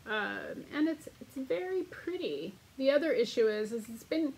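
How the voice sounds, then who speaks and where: A woman co-hosting a casual podcast, talking in a relaxed, self-deprecating way. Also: high-pitched, normal speed, slightly rough, rough recording. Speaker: podcast co-host. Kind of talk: casual chat.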